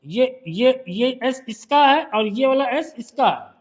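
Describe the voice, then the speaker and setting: A man's voice: very high-pitched, expressive, slow pace. A male shorthand teacher with a Hindi accent, patiently quizzing a student during one-on-one tutoring.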